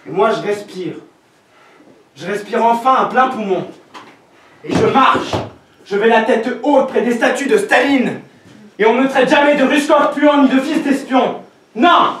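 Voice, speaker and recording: A defiant, idealistic teenage son, played by a young man on stage, scornful toward his mother and quick to burst into shouts. His voice sits very high for a man. It echoes heavily around a hall, picked up from far away over a faint hiss. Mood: elated. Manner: mocking and passionate, bursts into shouts. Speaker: actor. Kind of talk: stage play performance. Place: theater stage.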